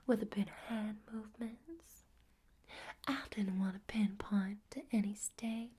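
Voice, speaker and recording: A woman doing a soft Southern belle whisper. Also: mid-range voice, breathy edge. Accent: American Southern. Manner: soft whisper, endearments like darling. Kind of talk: ASMR accent roleplay.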